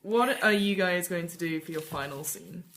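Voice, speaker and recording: A woman's voice: lowish voice, normal speed. A woman running a tabletop role-playing game as game master, narrating with laughter and energy. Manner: animated, laughing storyteller. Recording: roomy echo, faint noise.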